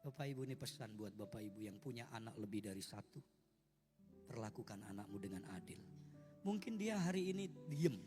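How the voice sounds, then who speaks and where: A man preaching a sermon in style, telling a personal story with swings from hushed, tearful speech to loud outbursts. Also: fairly low pitch. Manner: emotional testimony, swings from hushed to loud, sings. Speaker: pastor. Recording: long hall reverb with faint music.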